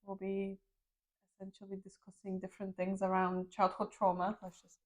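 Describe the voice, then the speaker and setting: A young woman from Bulgaria with a Bulgarian accent, co-hosting a podcast in casual chat, blunt with dark humor and casual swearing. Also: medium pitch, monotone, normal speed. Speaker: podcast co-host.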